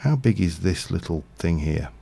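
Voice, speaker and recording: A man's voice: deep voice, lively intonation, moderate pace, creaky, dark tone, slightly rough. A man casually commentating his Minecraft livestream, rambling and thinking aloud with lots of fillers. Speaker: streamer.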